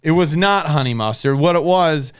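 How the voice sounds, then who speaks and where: A man co-hosting a casual podcast, animated and quick to laugh, demonstrating a snack recipe. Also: fairly high pitch, clean tone. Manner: animated, laughs often, talks with mouth full. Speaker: podcast co-host. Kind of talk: casual chat.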